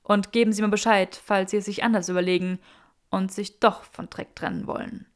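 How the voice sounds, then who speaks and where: A weary, courtly aristocrat, put on by a woman reading a storybook, speaks with polite, measured formality. His tone stays composed and faintly tired. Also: medium pitch, steady tone, lightly acted. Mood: courteous.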